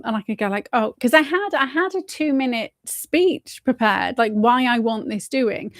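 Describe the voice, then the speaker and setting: A woman's voice: on the high side, dry recording, studio quality. A woman from England, hosting a live stream in a rambling, casual way, swearing often and asking "right?" after her points. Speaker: host.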